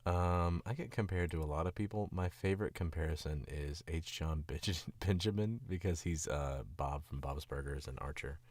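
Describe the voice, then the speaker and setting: A rumbling low, darkish voice comes from a sick Southern man, a voice actor with a Southern accent, whose illness has dropped it lower. He chats casually on a stream at normal speed with hardly any pauses, and there's no echo. He rambles, gets distracted and chuckles often.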